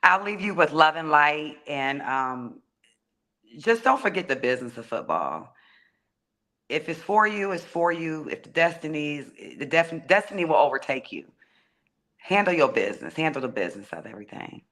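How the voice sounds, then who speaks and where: Guy on a video call, animated and bright, kinda high for a man, motivational. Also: moderate pace. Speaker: guest. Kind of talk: casual chat.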